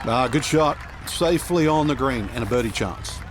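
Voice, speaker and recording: A man's voice: mid-range voice, expressive, moderate pace. A man giving golf commentary as an analyst in brief, clipped remarks. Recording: crowd and outdoor noise behind.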